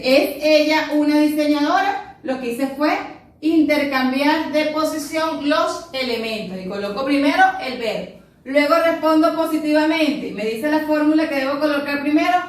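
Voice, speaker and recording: A woman teaching a recorded class in a high, bright-pitched voice that rings through a very echoey room. She walks through each rule step by step and keeps checking in with her students. She sounds set back from the microphone. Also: measured pace, distant mic. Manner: explains step by step, checks in with "ok?" after each point. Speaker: English teacher.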